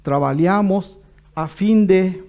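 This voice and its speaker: A man from Paraguay with a Paraguayan Spanish accent speaks a blend of Portuguese and Spanish as a native Spanish speaker. His voice is high for a man and mellow, and he delivers a formal official address at an unhurried pace. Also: creaky. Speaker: government official giving a talk.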